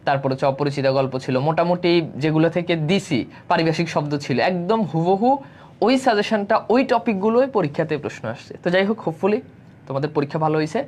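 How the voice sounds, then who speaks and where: A man's voice: a little high, expressive, fairly quick, a little mellow. A man teaching a live online exam-prep class. He explains each answer step by step, often checks in with his students, and mixes English words into his speech.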